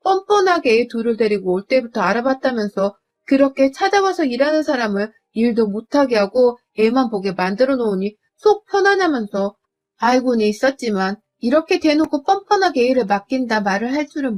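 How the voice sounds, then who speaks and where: A woman's voice: fairly high pitch, big pitch swings, fairly quick. A woman narrating a first-person story, retelling events in an exasperated, indignant way.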